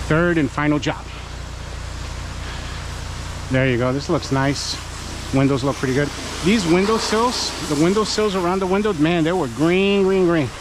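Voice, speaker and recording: A man hosting a work vlog, chatting and coaching viewers while he washes a house outdoors. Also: a little high. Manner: chatty, encouraging, talks to viewers while working. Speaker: pressure washing business owner and channel host. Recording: noisy outdoor recording.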